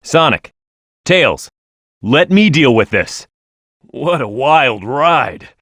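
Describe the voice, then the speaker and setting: A man's voice: mid-range voice, big pitch swings, slow pace, fairly bright tone, no room sound, clean studio sound, full character voice. A man voicing a tough, cocky, hot-headed young echidna fighter in a video game, with a brash, punchy, confident delivery. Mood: confident, matter-of-fact. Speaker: playable video game character.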